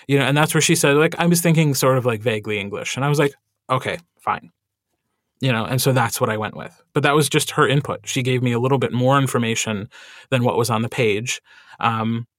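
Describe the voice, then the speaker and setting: A man's voice: medium pitch, no echo, clean studio sound. Chatty male audiobook narrator. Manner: chatty, animated, frequent fillers. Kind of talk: podcast interview.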